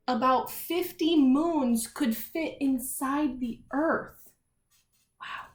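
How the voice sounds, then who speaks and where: A primary school teacher reads aloud to young children, explaining things simply and thinking aloud as she goes. Her voice is on the high side and a little mellow, and the room is echoey.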